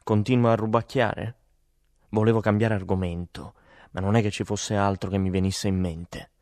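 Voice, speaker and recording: A man with a low voice reads a first-person story aloud in a measured, matter-of-fact way. The recording is dry and close, with no room sound. It is a steady audiobook read. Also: no echo. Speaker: audiobook narrator. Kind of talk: scripted literary narration.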